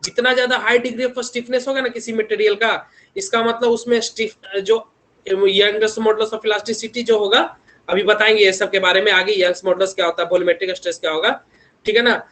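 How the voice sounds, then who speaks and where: High-pitched young male lecturer a lilt, chatty teaching tone full of check-ins and homely examples. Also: flat delivery, normal speed, a bit bright. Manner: repeats tag questions constantly, homely examples. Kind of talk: online engineering lecture.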